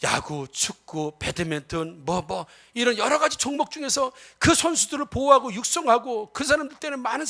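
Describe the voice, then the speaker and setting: This pastor's voice sits high as he gives a Sunday sermon, shifting from loud exhortation to soft asides and putting rhetorical questions to the congregation.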